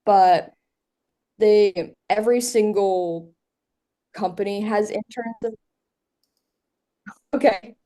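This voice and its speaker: A woman's voice: mid-range voice, fairly even intonation, slow, pauses often, warm tone, low-quality recording. A young woman, a college student giving a chatty presentation over a video call, her audio choppy and cutting out as the connection freezes. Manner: chatty, many fillers. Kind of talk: informal presentation.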